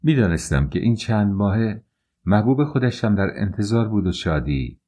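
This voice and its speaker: A man narrating an audiobook in the first person, calm and measured. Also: lowish voice.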